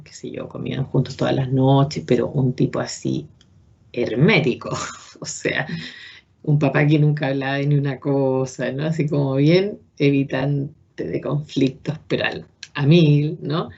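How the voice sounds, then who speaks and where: Low, gravelly Chilean woman teaching. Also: highs cut off. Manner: animated storytelling, quotes the people she describes. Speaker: therapist teaching a workshop. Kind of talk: informal lecture with case story.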